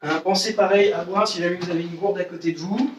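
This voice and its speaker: A man teaching an online karate class, explaining moves and calling out counts and sharp shouts. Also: sits high, steady tone, quick pace, lo-fi sound. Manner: calls out Japanese counts and sharp kiai shouts. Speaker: karate instructor. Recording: roomy echo, heard from a distance.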